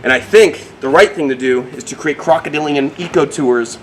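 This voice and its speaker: A man's voice: on the high side, normal speed. A man hosting a wildlife vlog, talking casually and animatedly to the viewers and to the animal he is handling outdoors. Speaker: wildlife video host. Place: outdoors in a backyard. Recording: background noise, outdoor ambience.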